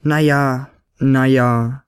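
A man voicing a small, hopeful, gentle male flute player in a storybook reading, mild and a little meek. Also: mid-range voice, fairly even intonation, drawn-out words, clear, resonant tone, no echo, clean studio sound. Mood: teasing.

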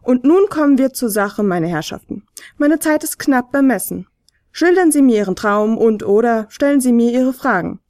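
A woman's voice: fairly high pitch, lively intonation, normal speed, darkish tone, no room sound, studio quality, natural voice. Woman doing a pompous bookworm professor, Professor Besserwisser. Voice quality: fussy, lecturing.

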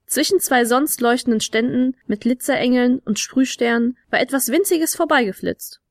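A woman narrating a children's advent story in a lively, expressive way. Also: on the high side, normal speed, no echo, studio quality. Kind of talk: storybook reading.

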